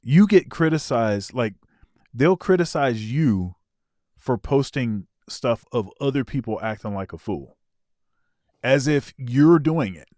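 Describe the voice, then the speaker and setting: A man's voice: mid-range voice, expressive, slow, darkish tone, dry recording, clean studio sound. A man co-hosting a casual reaction show, talking things through and often repeating his words as he explains. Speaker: co-host.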